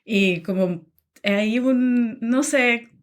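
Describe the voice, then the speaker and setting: Her words drawn out and her pitch fairly high, a young Nicaraguan woman chats casually about her life as a guest on a podcast. She stays relaxed, laughs easily and uses many "am" and "em" fillers.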